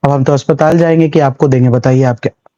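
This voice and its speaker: A man's voice: mid-range voice, steady tone, fast talker, mellow, dull audio, voice pushed down, close to an everyday voice. A man, as part of a history lecture, voicing a poor villager pleading with a landlord in a humble tone.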